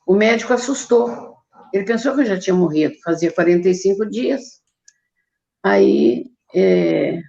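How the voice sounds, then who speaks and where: An older woman with a Brazilian Portuguese accent tells a personal testimony in a heavily gravelly voice. She speaks at a middling pitch and acts out her own quoted words as she goes. The sound is dull and lo-fi. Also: mellow. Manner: storytelling with acted quotes of herself. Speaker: guest giving testimony.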